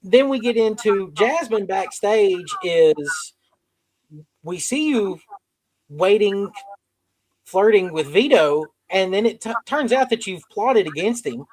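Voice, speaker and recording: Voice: mid-range voice, lively intonation, slow pace, a little mellow, dry recording, low-quality recording. A podcast host recapping wrestling shows in casual, rambling talk full of fillers.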